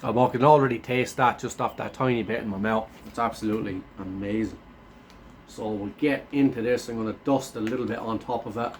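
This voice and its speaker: A man chatting casually to camera as a food reviewer, laid-back and blokey, his voice thick and hoarse from a sore throat and sounding run down. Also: on the low side, steady tone, fairly quick, slight background noise. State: run down after a chest infection.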